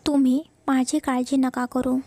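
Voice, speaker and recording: A woman voicing a sweet, gentle young bride in a read-aloud story, speaking softly and obediently. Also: high voice, flat delivery, moderate pace, no room sound. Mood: tender. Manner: soft, obedient. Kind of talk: storybook narration.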